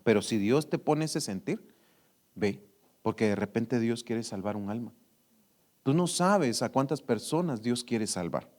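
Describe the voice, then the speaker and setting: A man's voice: medium pitch, unhurried. A man with a Guatemalan Spanish accent preaching a sermon as a church elder, telling stories with acted dialogue and tagging sentences with "¿va?". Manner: animated storytelling with acted dialogue, frequent "¿va?" tags.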